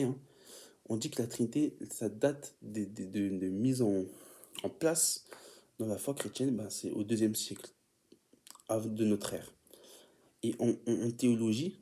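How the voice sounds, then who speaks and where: A man's voice: on the low side, warm tone. A man preaching an informal teaching sermon, often stumbling and repeating words as he reads definitions aloud and calls his listeners beloved.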